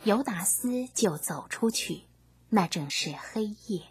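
Woman narrator, gentle half-whispered scripted reading, breathy, lively pitch. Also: slow.

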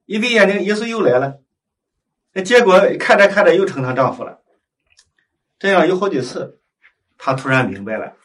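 Animated storytelling priest, slightly high voice. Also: male voice, normal speed, pauses often. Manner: animated, acts out dialogue, frequent tag questions. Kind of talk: storytelling sermon. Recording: voice heard from a distance.

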